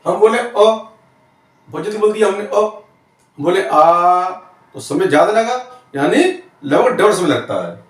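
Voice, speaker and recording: A man teaches grammar in a lively, up-and-down voice that sits high for a man. He explains slowly and step by step, checking in with his students as he goes. He is recorded from a distance in a very echoey room. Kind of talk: classroom-style lesson.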